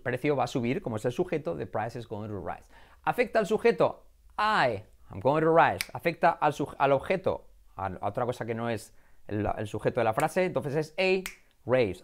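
Animated Spanish teacher from Spain. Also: male voice, mid-range voice. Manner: animated, repeats English words many times to drill them. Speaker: English teacher. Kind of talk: online English pronunciation lesson.

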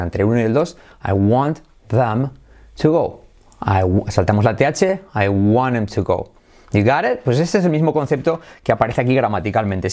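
A man runs a bilingual English lesson at a medium pitch. He drills short phrases slowly and repeats them again and again. He moves back and forth between Spanish and English as he explains. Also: darkish tone. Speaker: English teacher.

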